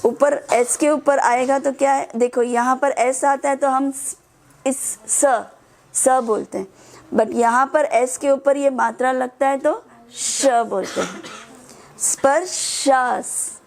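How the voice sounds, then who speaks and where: A woman teaching children to pronounce Sanskrit verses, drilling syllables slowly and patiently. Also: sits high, gravelly, a little mellow. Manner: slow, patient drilling of syllables, mixing English words. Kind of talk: online class teaching.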